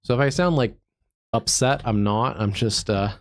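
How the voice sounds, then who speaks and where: A man hosting a live severe weather stream as a meteorologist, stuffed up from allergies, talking through the radar in an easygoing, halting way with many fillers. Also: mid-range voice, no room sound, studio quality. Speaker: digital meteorologist, livestream host.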